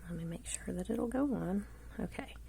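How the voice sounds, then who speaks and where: Sitting at a craft table indoors, a gravelly-voiced woman congested with a cold runs a casual live craft tutorial, filmed by an overhead camera trained on her hands. She's chatty and rambling, often sinking to a murmur. Her voice is lowish and mellow, at a normal speed.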